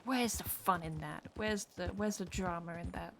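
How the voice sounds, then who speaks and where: A woman's voice: on the low side, normal speed, background noise. A woman streamer in a casual, rambling chat, swearing now and then. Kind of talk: casual chat while playing a role-play game. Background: game music and horse hooves.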